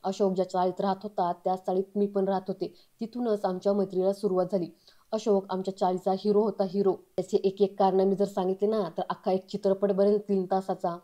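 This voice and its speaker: A woman reading the lines of an outspoken woman visiting an old friend, blunt and teasing, in a mellow, level voice. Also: mid-range voice, flat delivery, fairly quick, lightly acted.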